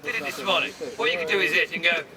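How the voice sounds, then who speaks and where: A man's voice: a little high, very fast. A man with a theatrical, joking manner, leading a live outdoor show as an archery demonstrator and calling out to a crowd. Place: outdoors at a castle among a crowd. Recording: distant voice with crowd and outdoor noise.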